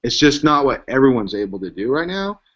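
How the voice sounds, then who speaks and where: A man in a casual tech panel chat, talking quickly and loosely with lots of "like" and "right", on a dull lo-fi recording. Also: medium pitch, very animated, a bit bright. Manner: quick, conversational, fond of "like" and "right". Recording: dull lo-fi stream audio.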